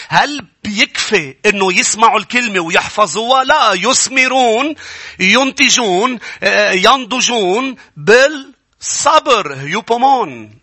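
A man with a Lebanese accent preaching a Bible-school sermon, emphatic, building to loud peaks and then dropping low. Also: slightly rough, no echo. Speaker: pastor.

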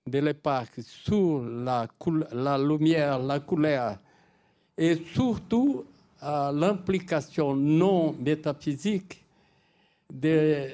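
Older Brazilian man, slow foreign-accented French. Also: a little high, warm tone. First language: Portuguese. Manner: halting, searching for words in non-native French. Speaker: audience member making a comment. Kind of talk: spontaneous spoken remarks at a public discussion.

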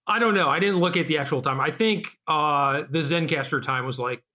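A man's voice: a little high, normal speed, pushed and bright. A man hosting a podcast, chatting casually with his co-host.

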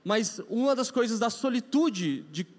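Brazilian male preacher, high voice, chatty sermon delivery with acted-out asides, long church reverb. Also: lively intonation, a little slow. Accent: Brazilian Portuguese. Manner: conversational, acts out quoted people; frequent fillers and restarts. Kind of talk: casual sermon.

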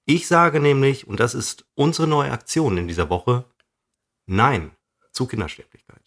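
A man co-hosting a podcast in casual banter, ironic and mock-calm, teasing his partner by twisting his words. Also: mid-range voice, a little slow. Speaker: podcast co-host.

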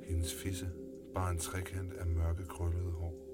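A man narrating a scripted story in a calm, low-key way. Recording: music playing underneath.

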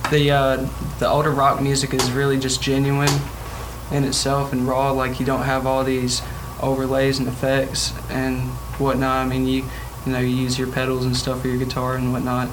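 A man's voice: medium pitch, completely flat delivery, moderate pace, background noise. A young man, a drummer answering interview questions in a laid-back, matter-of-fact way. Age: young adult. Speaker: band drummer.

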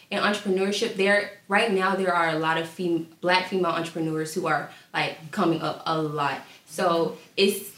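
During a panel discussion, a young woman entrepreneur speaks casually, with plenty of filler words. Her voice is lowish and a bit bright, captured by a distant mic in an echoey room.

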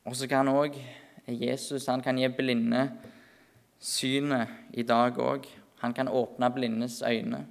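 A man preaching an earnest sermon at a church meeting, often slowing and softening his voice for emphasis. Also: medium pitch, level tone, gravelly.

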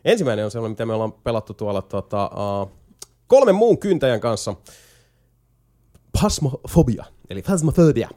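A man at an ordinary middle pitch talks casually as a podcast host. He rambles through a game explanation and keeps stopping on hesitation fillers. He slips in jokey asides along the way. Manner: jokey, lively storytelling. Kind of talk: casual chat.

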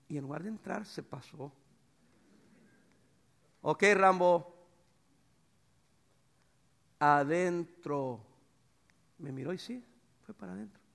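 Animated pastor with a gravelly voice. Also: male voice, medium pitch. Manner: animated preacher, swings from shouts to soft tones. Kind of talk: sermon.

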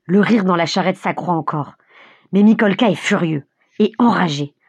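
A woman narrating a novel aloud as an audiobook, with vivid, expressive storytelling and a husky voice. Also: fairly low pitch, moderate pace, no echo.

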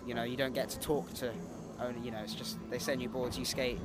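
A man's voice: mid-range voice, flat delivery, fast, loud music behind the voice. A sixteen-year-old male skateboarder being interviewed, speaking in a laid-back way full of casual filler words. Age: teen, 16. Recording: loud ambient noise at an outdoor event.

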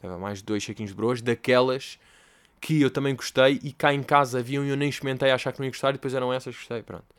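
A man's voice: mid-range voice, steady tone, quick pace, clear, resonant tone. A young man with a European Portuguese accent, hosting a casual comedic podcast and rambling through stories with slang and swearing. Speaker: podcast host.

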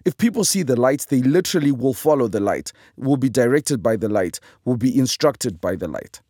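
A man's voice: medium pitch, lively intonation, normal speed, dark tone, dry recording, clean studio sound. A Zimbabwean man with a morning voice, reading a chapter of his own inspirational book in a reflective, preacher-like way. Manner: reflective, motivational, preacher-like cadence.

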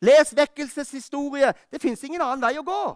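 A man preaching a fervent sermon, rising to urgent calls and then dropping to quiet, personal talk. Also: very high voice, no echo, studio quality. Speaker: pastor. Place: church.

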